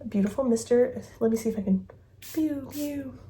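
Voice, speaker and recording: A woman's voice: a little high, fairly even intonation, fast talker, dark tone, slight background noise. A woman in her thirties chatting casually at home as she reviews fragrances, thinking aloud with giggles and a phone mic. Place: home bedroom with dresser.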